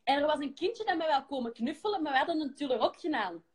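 Flemish woman, young, high pitch, lively self-mocking chat, phone mic. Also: fast talker. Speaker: pop group member hosting a live stream. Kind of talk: casual chat. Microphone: phone on a live stream.

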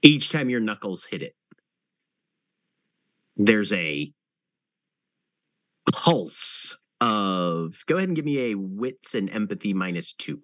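A man narrating a tabletop game as game master, unhurried and pausing often to think. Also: fairly low pitch, big pitch swings, a bit bright, dry recording. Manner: unhurried, with many thinking pauses.

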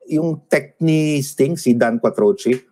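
A man on a casual chat show, telling animated backstage stories and switching between Tagalog and English. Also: medium pitch, slow pace.

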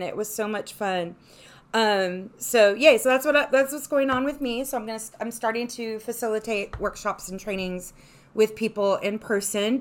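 Chatty woman podcaster, mid-pitched. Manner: chatty, lots of "like", casual swearing. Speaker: podcast co-host. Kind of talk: casual chat.

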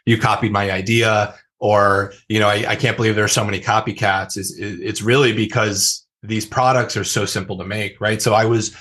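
A man's voice: on the low side, fairly even intonation, normal speed, few pauses, fairly bright tone. A man talking casually as a podcast guest, rambling with many fillers and restarts. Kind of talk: casual interview talk.

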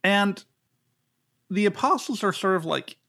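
An American pastor hosts a casual Bible study podcast, his gravelly voice unhurried yet animated. He often restarts sentences and jumps up in pitch to emphasize a point.

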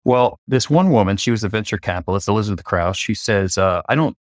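Lively middle-aged man telling stories. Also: lowish voice, quick pace, no room sound, studio quality. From Atlanta, USA. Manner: animated storyteller who acts out quoted dialogue. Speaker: coach and facilitator, interview guest. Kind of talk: conversational interview storytelling.

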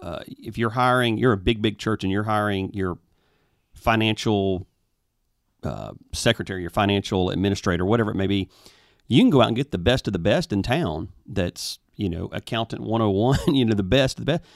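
Gravelly low-voiced man, careful words. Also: dry recording, studio quality. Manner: careful, hesitant, measured phrasing. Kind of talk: reflective casual conversation.

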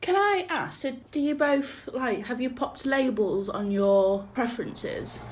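A woman's voice: on the high side, lively intonation, measured pace. Young woman hosting a chat. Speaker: discussion host. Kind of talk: casual chat.

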